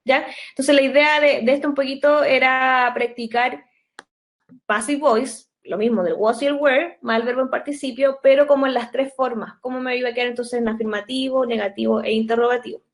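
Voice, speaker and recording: A young woman teaching English grammar in an online class, explaining patiently step by step and slowing down to dictate sentences. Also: high-pitched, fairly even intonation, rough recording.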